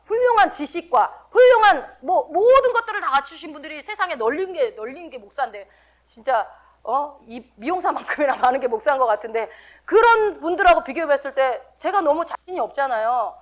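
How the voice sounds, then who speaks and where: A middle-aged woman pastor preaches a sermon in a talky, conversational way and keeps throwing questions back at her listeners. Her voice sits high, and its pitch rises and falls in lively swings. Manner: conversational preaching with frequent rhetorical questions to the congregation.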